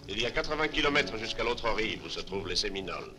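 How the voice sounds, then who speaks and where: A man's voice: lowish voice, animated, quick pace, loud music behind the voice. A man playing a confident army captain in a dubbed adventure film, with a clipped, authoritative way of speaking. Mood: composed, assured. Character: confident, resolute army captain addressing his men.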